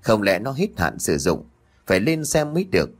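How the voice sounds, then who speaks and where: Man doing a scared blustering husband, stammering, lively low voice, storytelling. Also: normal speed. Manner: stammering, flustered. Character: frightened, blustering middle-aged father and husband.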